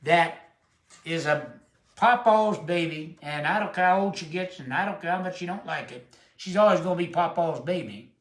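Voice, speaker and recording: A man, preaching a sermon with emphatic, emotional delivery and drawn-out quotes. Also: on the high side. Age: 70s. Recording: echoey room.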